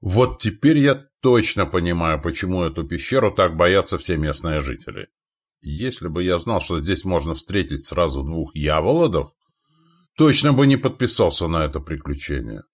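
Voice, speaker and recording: A man narrates a first-person audiobook in a measured, wry voice. His pitch sits on the low side. The reading is steady and even.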